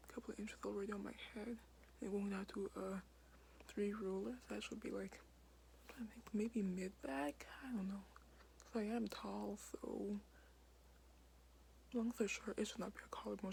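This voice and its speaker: Young woman whispering in a basement at night, kinda gravelly, lots of likes and ums, faint hiss behind. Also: medium pitch, rough recording. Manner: whispering quietly, many fillers like "like". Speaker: vlogger. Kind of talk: casual whispered vlog.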